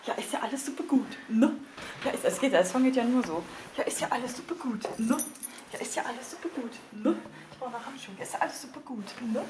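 A woman's voice: fairly high pitch, fast, echoey room, noisy background. A woman podcast host chatting casually while getting dressed, singing bits and laughing, swearing playfully.

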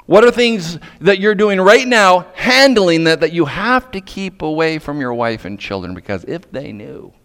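A man from Nova Scotia preaches a sermon, dramatically moving between hushed questions and loud, emphatic points. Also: a little high, lively intonation, moderate pace, few pauses, clear, resonant tone. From Nova Scotia, Canada. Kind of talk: sermon to men, storytelling with pointed rhetorical questions. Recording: reverberant hall.

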